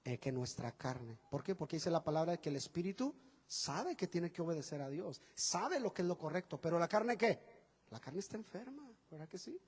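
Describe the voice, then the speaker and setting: A man preaching a sermon as pastor, animated and folksy, acting out quotes with chatty asides to the congregation. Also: fairly high pitch, moderate pace, slightly rough. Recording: long hall reverb.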